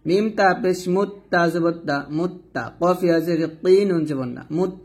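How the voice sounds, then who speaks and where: A man teaching Quran reading in Bengali, spelling letters and vowel marks syllable by syllable and chanting the verses slowly. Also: high voice, darkish tone. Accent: Bangladeshi Bengali.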